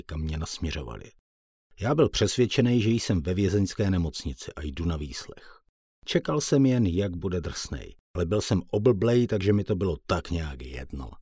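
A man's voice: sits low, darkish tone, slightly rough, no room sound, studio quality. A man reading a first-person audiobook in a plain, colloquial storytelling manner. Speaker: audiobook narrator.

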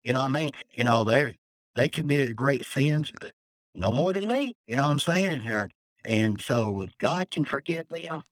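A man's voice: mid-range voice, expressive, moderate pace, dry recording, rough recording. A man calling in to share an emotional, earnest personal testimony of faith as a guest. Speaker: death row inmate guest. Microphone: phone call.

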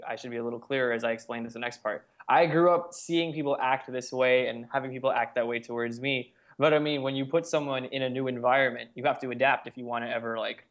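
A young adult man appearing as a podcast guest tells a personal story in casual conversation, earnest and rambling, with "like" popping up constantly. His voice is medium-pitched and fairly bright.

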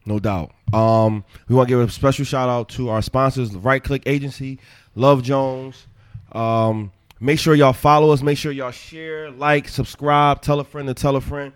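A man in his thirties hosting a podcast, chatting casually, loud and joking, swearing freely. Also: medium pitch, fairly even intonation, normal speed, clean tone. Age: 30s. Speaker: podcast host. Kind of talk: casual chat.

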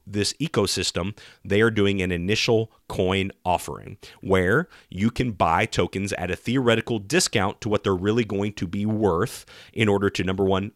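A sick male podcast host with a groggy, lowish voice that rambles through an explanation and doubles back on itself. The sound is close and dry, with hardly any room around it. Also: dry recording. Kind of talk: podcast intro and interview questions.

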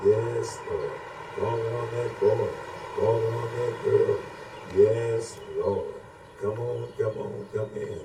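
Slowly and with fairly even intonation, a lowish-voiced male preacher leads an unscripted prayer, fervently exhorting and repeating chant-like invocations. There's a roomy echo and some faint background noise.

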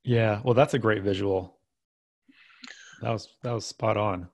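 A man's voice: lowish voice, steady tone, a little slow, gravelly, no room sound. A man co-hosting a finance podcast, chatting casually with dry sarcastic asides and plenty of ums. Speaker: podcast co-host.

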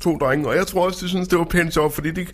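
Male radio host, casual chat, animated storyteller, laughs often, slightly high voice.

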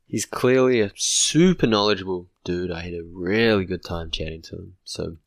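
A man with a New Zealand accent hosting a podcast interview, thoughtful and halting with frequent restarts. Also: low-pitched, creaky, no room sound, studio quality. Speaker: podcast host.

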